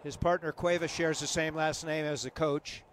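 A man's voice: fairly high pitch, little pitch movement, normal speed, slight background noise. A man giving live sports commentary in a matter-of-fact, informative way, filling in background and spelling out names.

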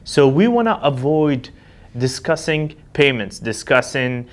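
Speaking unhurriedly, with lively intonation at a medium pitch, a man leads a forceful sales training session. He acts out sample dialogues as part of the instruction, filmed in an indoor studio in front of a backdrop.

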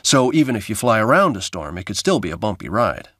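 A man speaking as an airline pilot, giving measured, explanatory answers in an interview. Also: lowish voice, big pitch swings, fairly bright tone, dry recording, clean studio sound.

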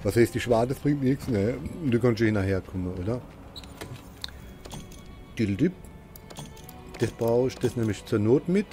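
A man playing a co-op video game, chatting casually with his partner and shouting excitedly at the monster. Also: medium pitch, a little fast, hardly any pauses, soft background music. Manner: talks to himself and partner, excitable outbursts, cursing at the monster. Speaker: gamer playing co-op. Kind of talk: casual gaming commentary.

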